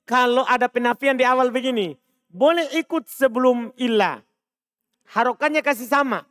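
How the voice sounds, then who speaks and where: A man's voice: very high voice, a bit bright, no room sound, studio quality. A man with an Indonesian accent teaching Arabic grammar in a classroom lesson, explaining, repeating key terms and checking that students understand.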